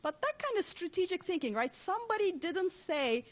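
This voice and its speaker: A woman from Turkey giving a conference talk, telling stories in an animated way with frequent laughs and restarts. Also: very high voice, normal speed. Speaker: conference speaker.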